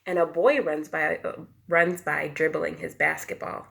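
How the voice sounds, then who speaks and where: A woman teacher reads a picture book to young kids, acting out sound words with whispers and loud calls, asking questions and giving simple explanations. Her voice itself is low and creaky, her delivery flat and unhurried.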